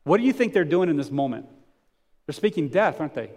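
Male pastor, slightly higher voice, conversational sermon delivery with rhetorical questions. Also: big pitch swings, fast talker, a little mellow.

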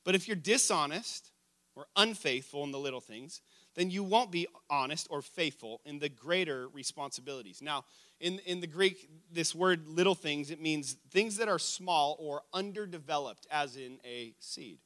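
A man preaching a sermon, animated and asking the congregation questions as he tells a family story. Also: a little high, moderate pace. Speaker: pastor.

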